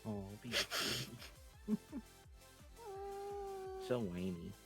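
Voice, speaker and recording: A man's voice: fairly low pitch, sing-song, extremely slow, creaky. A man, a guest on a casual live stream, who teases and swears at his cat as he talks. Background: faint background music.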